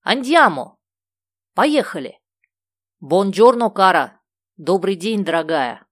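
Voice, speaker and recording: A woman's voice: on the low side, animated, unhurried, no echo, clean studio sound. A woman voicing a cheerful adult man with a slight Italian accent who likes jokey sayings. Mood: playful. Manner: playful, fond of jokey sayings. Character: cheerful foreign-born adult man, joking.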